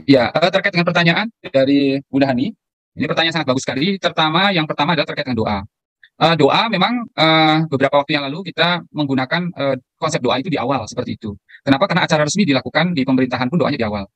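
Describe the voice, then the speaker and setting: Fast-talking man explaining, dry sound. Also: a little high, a bit bright, no room sound, muffled recording. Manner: explanatory, repeats key points. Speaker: protocol trainer answering questions. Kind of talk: online Q&A explanation. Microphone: video call.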